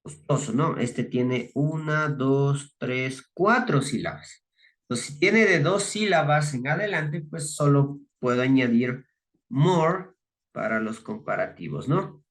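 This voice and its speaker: A man's voice: mid-range voice, expressive. A man teaching English grammar in a recorded lesson, explaining each step patiently and often checking for understanding. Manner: reads English words slowly and clearly, then gives the Spanish meaning.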